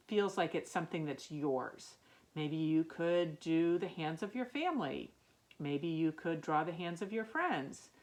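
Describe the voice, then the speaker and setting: Speaking on the low side, a woman who tells stories in youth ministry reads a children's picture book aloud. Her delivery is expressive and musing, like she's wondering aloud to young listeners.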